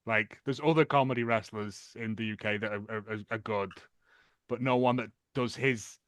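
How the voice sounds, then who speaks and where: A man hosting a podcast in casual chat, excitable and rambling with repeated restarts. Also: fairly low pitch, moderate pace, no echo, studio quality. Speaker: podcast host.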